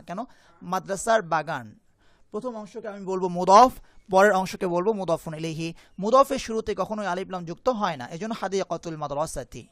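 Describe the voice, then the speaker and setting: Male teacher, patient classroom explainer, answers his own questions, reads phrases slowly, dry recording. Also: sits high, a bit bright, no echo. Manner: asks questions and answers them himself; reads Arabic phrases slowly, then translates. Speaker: Arabic teacher. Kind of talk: classroom lesson.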